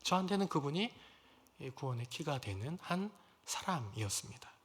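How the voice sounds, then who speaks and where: Earnest Korean pastor preaching in a reverberant church. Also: male voice, fairly high pitch, sing-song, moderate pace, husky. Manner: storytelling, earnest, acts out quoted lines with rising emotion. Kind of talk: sermon. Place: large church sanctuary. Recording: long reverb of a church hall.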